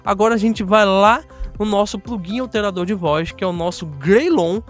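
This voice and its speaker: A man's voice: high-pitched, moderate pace, faint music behind. A man with a Brazilian Portuguese accent hosting a casual video tutorial, chatting straight to viewers and often checking in with short tag questions. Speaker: host of an audio software tutorial channel.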